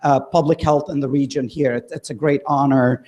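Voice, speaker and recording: A man's voice: mid-range voice, fairly even intonation, normal speed, dark tone. A man giving a conference closing talk, with many ums and uhs. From Lebanon. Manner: hesitant, frequent ums and uhs. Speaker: conference speaker.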